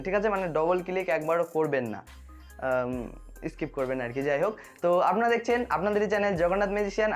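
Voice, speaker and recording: A magician host explains a tutorial straight to viewers, often checking that they are following. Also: mid-range voice.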